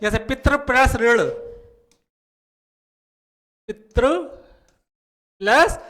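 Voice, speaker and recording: A man's voice: extremely high pitch, pushed and bright. A man with a North Indian Hindi accent teaching a grammar lesson, explaining step by step and repeating each point. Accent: Hindi-speaking North Indian. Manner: slow, repetitive explaining with frequent "ठीक है".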